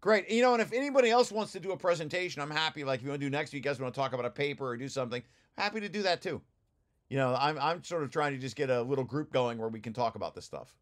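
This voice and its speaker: His voice is a little high, with lively intonation and rapid-fire delivery. As study group leader, he presents a research paper in a loose technical explanation over shared slides, frequently starting phrases over and repeating them.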